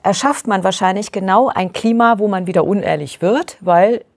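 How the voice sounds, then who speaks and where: A woman's voice: medium pitch, normal speed. A woman interviewer asking long, reflective questions and thinking aloud as she goes.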